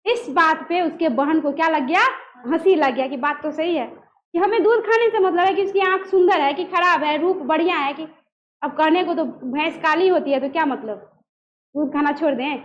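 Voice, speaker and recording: Female teacher, very high voice, drilling students with rhetorical questions, dull lo-fi audio. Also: normal speed. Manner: asks the class questions and answers them herself; repeats key words to drill them. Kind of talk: explaining a Hindi textbook lesson. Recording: dull lo-fi recording.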